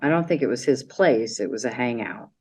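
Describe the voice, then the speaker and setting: Low-voiced chatty woman presenting slides. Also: lively intonation, a little fast, warm tone, husky. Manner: chatty, meandering, with many fillers. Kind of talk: casual slideshow talk. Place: library meeting room.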